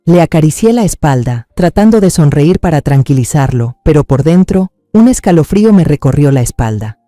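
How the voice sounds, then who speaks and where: A man narrating a family drama in a measured, somber, suspenseful way. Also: fairly high pitch, animated, dark tone, no echo, clean studio sound, soft background music.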